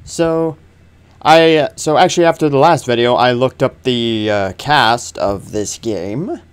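A man in his twenties giving casual, halting, wry gaming commentary into a close desk microphone. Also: medium pitch, smooth. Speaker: gaming video host. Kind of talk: casual let's play commentary. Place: small room indoors. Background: video game ambience.

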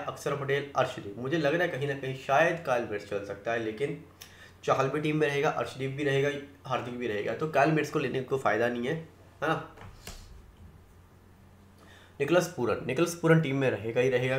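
A man giving fantasy cricket team tips in fast casual talk, confident, often checking in with his listeners. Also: medium pitch, roomy sound. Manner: rapid, confident, keeps tagging "है ना" and "दोस्तों".

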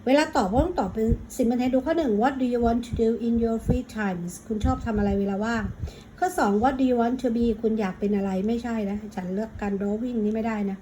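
A woman's voice: on the high side, mellow, a little hiss or hum, rough recording. Thai woman teacher, patient exam prep. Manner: explains patiently, calls listener "child", reads English aloud slowly.

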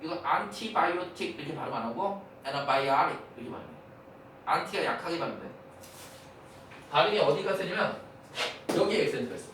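Male teacher, fairly high voice, quick repetitive explaining, heard from afar in an echoey room. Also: lively intonation, a bit bright. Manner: quick explanations, repeats key words, corrects pronunciation. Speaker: English teacher. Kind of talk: lecture explaining a textbook dialogue. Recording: echoey room, mic at a distance, faint hiss.

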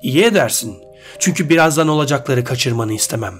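A cruel, scheming sorcerer, as a male storyteller puts him on, who mocks his captives and coolly sways his followers. His voice sits at a middling pitch. Soft music plays behind him. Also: lively intonation, fast talker, natural voice. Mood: mocking. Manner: mocking, coldly persuasive. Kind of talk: storybook character voice.

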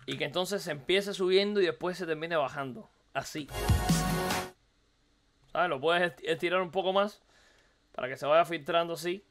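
A man with a Cuban Spanish accent, slightly hoarse, giving animated, teasing live-stream commentary on a viewer's video, repeating himself and throwing out questions. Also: on the high side, normal speed, pauses often, soft background music. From Cuba. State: hoarse from recording the night before.

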